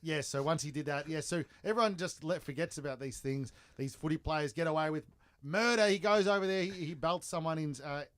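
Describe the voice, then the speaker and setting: A man's voice: on the high side, fairly quick, no room sound. A young Australian man co-hosting a podcast, telling stories in a blunt, rambling, slangy way. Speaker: podcast co-host. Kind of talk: casual chat.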